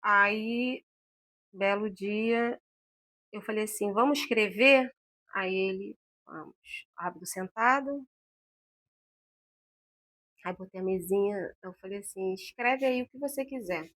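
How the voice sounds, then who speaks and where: A woman's voice: medium pitch, slow, long pauses. A woman, an interview guest telling a personal story about her son and acting out the voices of the people in it. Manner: animated, acts out the dialogue she recounts. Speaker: interview guest, mother of a patient.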